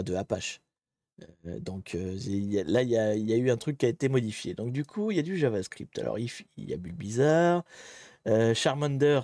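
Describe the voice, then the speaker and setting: A man hosting a live stream in casual, chatty commentary. He thinks aloud, mocks himself in a relaxed way, and greets viewers in the chat. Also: mid-range voice, no echo, studio quality. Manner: laid-back and self-mocking. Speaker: livestream host.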